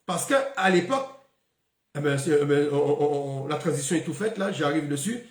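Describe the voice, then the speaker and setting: A man's voice: on the high side, moderate pace, reverberant. A man giving a spoken Bible lesson, stopping often with fillers and repeated words. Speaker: Bible teacher.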